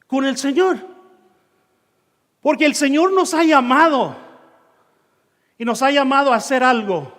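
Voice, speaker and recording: A man preaching a sermon, telling a personal story and acting out his own shouts and dialogue, in a church hall. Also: very high-pitched. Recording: long reverb of a church hall.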